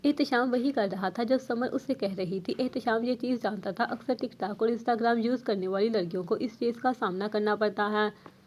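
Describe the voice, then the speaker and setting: Woman reading a novel out loud, steady and even, kinda high voice. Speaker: narrator. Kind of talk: reading an Urdu novel aloud.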